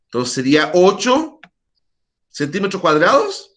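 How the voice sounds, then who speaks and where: A man's voice: high-pitched, huge pitch swings, unhurried, a bit bright. A man teaching a math class over a video call, quizzing his students and making chatty asides.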